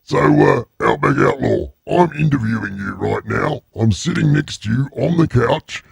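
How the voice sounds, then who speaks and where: Gravelly, blokey Aussie tradesman type. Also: on the low side, big pitch swings, normal speed, dry recording. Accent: Australian. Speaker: live stream show host. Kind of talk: casual live stream chat.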